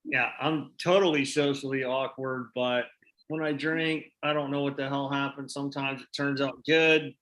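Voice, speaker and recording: A man's voice: mid-range voice, flat delivery, normal speed, a bit bright, poor audio. A man in a casual group chat, easygoing and reassuring.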